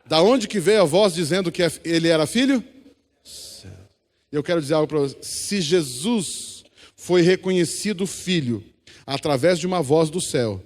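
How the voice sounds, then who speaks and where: In a church hall with long reverb, a pastor with a Brazilian Portuguese accent preaches a sermon at a normal speed. His voice is fairly high and animated as he exhorts the congregation and calls for responses.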